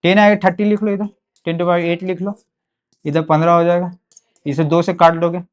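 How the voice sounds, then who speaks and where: A man's voice: high voice, flat delivery, normal speed, clean tone. A young man with a Bihari Hindi accent teaching a board exam physics lesson, repeating key terms and checking in often with "okay". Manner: repetitive, drills key words, frequent "ठीक है".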